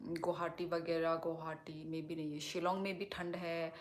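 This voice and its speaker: A woman's voice: low voice, little pitch movement, normal speed. A young woman from Tripura hosting a casual live stream, reading and answering viewers' comments in a chatty way. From Tripura, India. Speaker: livestream host reading comments.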